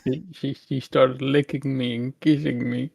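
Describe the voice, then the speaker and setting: Picture a gruff, croaky male character from a tabletop session, put on by a woman. The voice sits extremely deep, gravelly and breathy, and swings widely in pitch. It sounds close and dry, with no room around it. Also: fairly even intonation, unhurried, darkish tone, dry recording, exaggerated voice. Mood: complaining. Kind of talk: improvised tabletop role-play voice.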